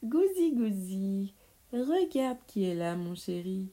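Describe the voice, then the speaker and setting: A woman's voice: mid-range voice, big pitch swings, slow pace, mellow. A woman voicing two boastful old witches who trade insults in a children's storybook reading. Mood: sweetly menacing. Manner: cackling, insult-hurling, theatrical.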